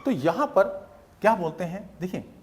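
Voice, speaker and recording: A man with a Hindi accent teaching spoken English, explaining slowly and repeating each phrase in Hindi and English. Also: high-pitched, very animated. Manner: slow and patient, repeating phrases, switching between Hindi and English.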